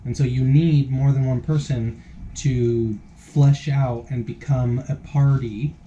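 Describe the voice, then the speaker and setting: A man in casual chat, a player explaining game rules with quick examples and a few slips. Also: mid-range voice, steady tone, dark tone, a little hiss or hum. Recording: dull, lo-fi sound.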